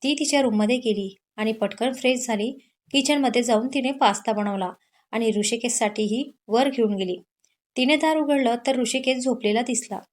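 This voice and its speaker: A woman storyteller narrating a romantic audio story in a steady, even way. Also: on the high side, moderate pace.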